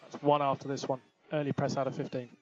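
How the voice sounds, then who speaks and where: Over a muffled team radio link, a male race engineer fires off terse, matter-of-fact instructions to his driver. He talks fast and in a monotone, his mid-range voice slightly mellow, with a little hiss or hum on the line.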